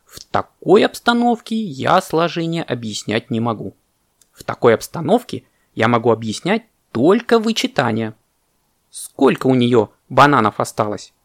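A man's voice: mid-range voice, very animated, normal speed. A man voicing a fussy, self-important male parrot teaching sums in a children's story, lecturing. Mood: indignant.

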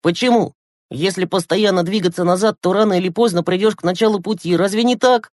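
A man reading an audiobook, voicing a gloomy, cynical teenage boy who speaks in a sharp, bitter way. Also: high voice, fairly even intonation, fairly quick, no echo, studio quality, pitched above the performer's own voice, lightly acted.

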